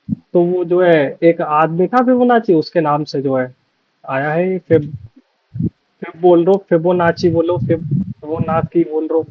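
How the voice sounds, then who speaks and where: Man, casual live explainer, high voice, dry muffled sound. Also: no echo. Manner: casual, thinking aloud while explaining. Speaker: commentator reacting to a video.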